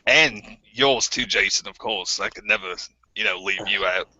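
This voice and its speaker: In a dry, dull lo-fi recording, a man with a lowish, sharp-toned voice speaks at a moderate pace. He portrays a bitter, crude ex-bandmate type, stammering and rambling in a put-on New Zealand accent.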